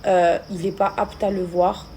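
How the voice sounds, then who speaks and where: An irritated woman vents straight to her followers with a gravelly, creaky edge to her voice. Her talk is blunt, slangy and circling back on itself. Faint night noise and crickets sit behind her. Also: fairly low pitch, little pitch movement, measured pace, dark tone. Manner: agitated, repetitive, slangy and blunt. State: upset and irritated. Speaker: vlogger talking to followers. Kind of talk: casual to-camera vent.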